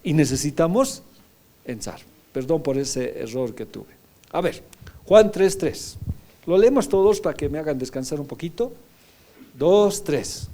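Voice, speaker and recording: A man's voice: a little high, expressive, measured pace, long pauses, warm tone. A middle-aged man, preaching a sermon as pastor with emphatic rising questions.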